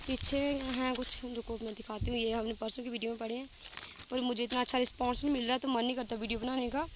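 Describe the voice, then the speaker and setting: A woman teaching simple English sentences outdoors, reading each sentence and then saying it slowly in English. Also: a little high, fairly even intonation, muffled recording. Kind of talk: casual spoken English lesson. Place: outdoors in windy fields while grazing cattle. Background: wind and rural outdoor sounds.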